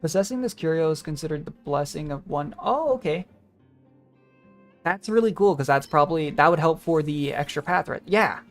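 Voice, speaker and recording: Over video game music, a streamer talks casually about the game, rambling and thinking out loud. The voice sits mid-range, with lively intonation and a moderate pace.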